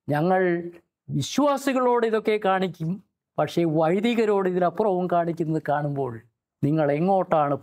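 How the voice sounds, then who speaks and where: An older Malayali man speaks straight to camera in a high, ringing voice. He declaims with indignation and challenges his opponents by name. The recording is from a small indoor studio set. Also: darkish tone. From Kerala, India. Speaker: lawyer and commentator. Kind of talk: direct-to-camera commentary. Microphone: fixed camera, head-and-shoulders framing.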